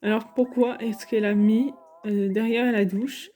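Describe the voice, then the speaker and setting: A woman's voice: a little high, steady tone, a little slow, warm tone. A woman giving casual, chatty commentary over game footage, hesitant and full of fillers. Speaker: gaming YouTuber.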